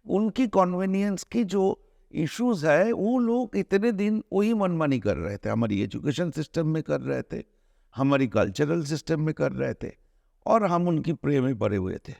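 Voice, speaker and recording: A middle-aged man from India speaks in a fairly high voice, pressing his case with earnest conviction. He keeps restarting phrases and stretching his hesitations before pushing on. The sound is dry and close, with no room around it. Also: lively intonation, creaky, darkish tone, no room sound. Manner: earnest, argumentative, with frequent restarts and drawn-out hesitations. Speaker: film director, interview guest. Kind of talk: conversational interview, mixing Hindi and English.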